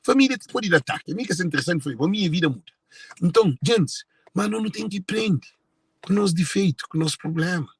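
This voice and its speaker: A man's voice: sits high, animated, quick pace, slightly rough, dry recording. A Cape Verdean man speaking in an emotional monologue to viewers, repeating and circling back to his phrases. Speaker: speaker sharing personal family story.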